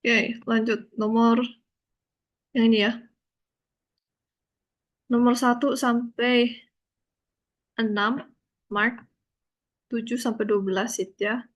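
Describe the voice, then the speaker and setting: A woman teaching a language lesson, explaining slowly and patiently and checking often that her student understands. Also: a little high, little pitch movement, muffled recording. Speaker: Korean teacher.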